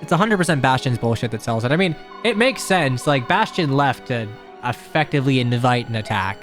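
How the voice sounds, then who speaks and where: A man's voice: mid-range voice, expressive, fairly quick, fairly bright tone, faint music behind. A man giving casual, wry commentary as he plays through a video game. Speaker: game streamer.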